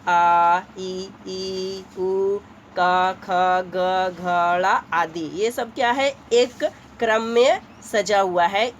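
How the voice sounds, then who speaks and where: A woman teacher talks children through a grammar lesson at an unhurried, careful pace, stretching vowel sounds out to show them. Her voice sits at a middle pitch, with a faint ambient hum behind it. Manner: slow, patient explaining, often checks in with the class; draws out vowel sounds to demonstrate. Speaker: school teacher.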